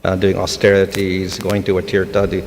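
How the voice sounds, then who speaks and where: A man giving a scripture lecture in a measured way, pausing between phrases. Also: low voice, completely flat delivery. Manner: measured, with short pauses. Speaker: spiritual teacher. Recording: reverberant hall with faint noise.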